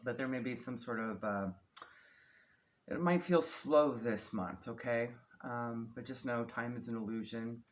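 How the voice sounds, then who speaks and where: A man giving a casual, improvised spiritual card reading, speaking unhurriedly with retainers in his mouth that slightly slur his words, often checking in with "okay?". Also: mid-range voice. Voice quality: slightly slurred speech from wearing retainers. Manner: unhurried, often ends statements with a questioning "okay?". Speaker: tarot card reader, host. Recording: clearly noisy background with clicks.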